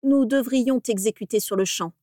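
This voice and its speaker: A woman's voice: a little high, moderate pace, dark tone, dry recording, studio quality, lightly acted. A woman voicing a cold, scheming old wizard patriarch in an audiobook reading, icy and contemptuous. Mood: cold scorn.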